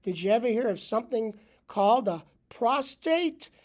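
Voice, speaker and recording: A man's voice: very high voice, animated, normal speed. Man doing a kvetching old talking dog. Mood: aggrieved. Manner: complaining, sprinkled with Yiddish words.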